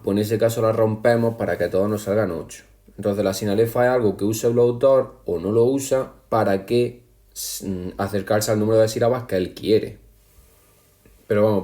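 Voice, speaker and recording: A man explains a lesson to his students in a slow, patient way, often counting things out aloud one by one. His voice sits low and sounds soft and mellow rather than bright. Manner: patient, counts syllables aloud slowly, addresses students directly. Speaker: language teacher. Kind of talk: classroom explanation over slides.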